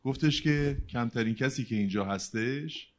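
A middle-aged man from the audience asking a question in formal, deferential speech. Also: medium pitch. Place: hall with a stage.

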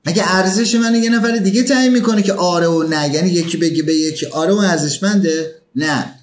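Emphatic man giving a motivational talk. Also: high-pitched. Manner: emphatic, questioning the listener. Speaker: motivational speaker.

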